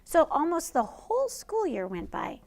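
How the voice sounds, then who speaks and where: A woman's voice: extremely high pitch, huge pitch swings, moderate pace. A middle-aged woman, a teacher, telling a personal story in a conversational way to an audience. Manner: conversational, laughs through funny parts.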